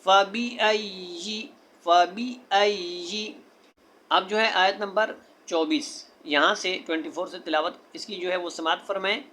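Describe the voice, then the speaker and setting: A Quran teacher giving a tajweed lesson, spelling out sounds letter by letter and chanting the verses slowly and melodically. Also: mid-range voice, bright, forceful tone.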